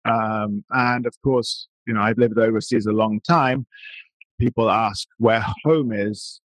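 Man from England, podcast host, relaxed chatty tone, dry close sound. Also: on the low side, a little slow, dry recording, poor audio. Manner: relaxed conversational, laughs easily. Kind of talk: podcast interview.

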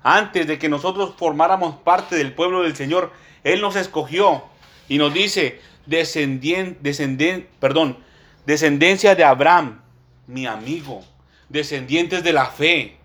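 Male preacher, sermon, slightly high voice, emphatic pauses, repeated appeals to the brethren. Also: fairly bright tone. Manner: addresses listeners as brothers, slow emphatic Bible reading.

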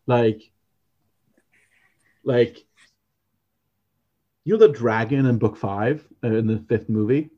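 A man's voice: mid-range voice, slow pace, long pauses, lo-fi sound. A man co-hosting a podcast, chatting casually and rambling, with many fillers and restarts. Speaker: podcast co-host. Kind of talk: casual chat.

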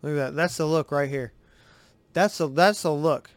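A man hosting a sports podcast, giving excitable, rambling, profane commentary over game footage. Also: on the high side, moderate pace, no echo, studio quality.

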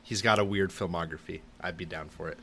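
A man co-hosting a film podcast in casual chat, easygoing and quick to laugh. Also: sits low, fairly even intonation, a bit bright, slight background noise. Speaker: podcast co-host.

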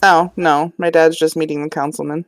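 A woman playing a tabletop role-play game, speaking in and out of character in a lively, giggly way. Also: low voice, normal speed, no room sound. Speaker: player.

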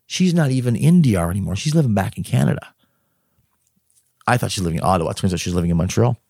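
Low-voiced man telling an animated story. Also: quick pace, gravelly, no echo, clean studio sound. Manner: animated, acts out dialogue, laughs mid-sentence. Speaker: guest telling a personal story. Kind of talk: casual spoken storytelling.

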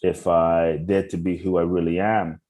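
Low dark husky-voiced man telling his story. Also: level tone. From Ghana and London. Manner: earnest, slow and searching with repeated restarts. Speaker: guest. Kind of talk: reflective interview storytelling.

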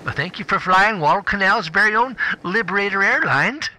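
Man doing a high, lively joker of a bomber crewman in a radio drama, folksy drawl, loud engine roar behind. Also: fairly quick, noisy background. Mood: playful. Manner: folksy, joking, mock airline announcer. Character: jovial wartime bomber crewman, joking man.

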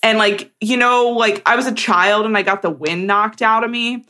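A woman's voice: fairly high pitch, normal speed, pushed and bright. A young woman co-hosting a podcast, telling stories in casual chat with lots of "like". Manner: chatty storyteller, heavy use of "like". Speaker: podcast co-host.

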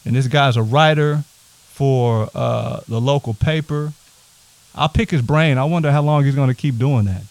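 A man hosting a podcast from a house, talking loose and hyped with plenty of shout-outs. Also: medium pitch, moderate pace, creaky. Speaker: podcast host. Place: a house set up as a home studio.

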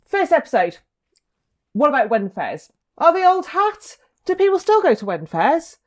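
A middle-aged wedding photographer co-hosts a wedding podcast, chatting casually and lively with lots of ums. Her voice is high-pitched and her pace moderate.

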